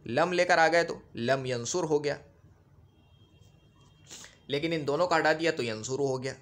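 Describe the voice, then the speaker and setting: A man's voice: on the high side, measured pace, a bit bright. Patient man teaching a grammar lesson. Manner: patient, repetitive explaining, checks understanding often. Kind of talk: classroom grammar lecture.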